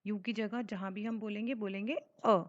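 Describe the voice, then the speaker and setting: A woman teaching children to read, sounding out simple words slowly letter by letter in a phonics lesson. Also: medium pitch, fairly even intonation, a little mellow, dry recording. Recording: dull lo-fi sound.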